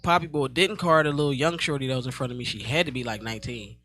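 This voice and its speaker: Bright-toned guest in their thirties. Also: mid-range voice, fairly even intonation, fast. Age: 30s. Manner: loose, profane storytelling. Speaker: music artist guest. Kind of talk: casual studio chat. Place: radio studio.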